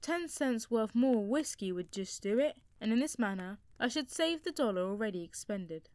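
A woman voicing a drunken man who hiccups as he wheedles a dime from a gentleman in an audiobook. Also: fairly high pitch, animated, normal speed, dry recording, natural voice. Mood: tipsy pleading.

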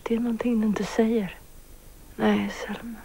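A husky, doubting young woman. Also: on the high side, flat delivery, low-quality recording. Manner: soft, doubting, often whispered. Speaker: listener questioning the confession. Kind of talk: 1990s Swedish TV drama acting.

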